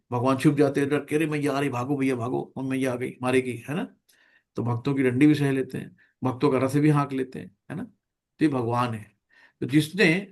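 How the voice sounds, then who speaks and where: Chatty male Gita class teacher. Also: medium pitch. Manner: chatty, keeps asking "है ना?", acts out little scenes. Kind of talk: conversational scripture class.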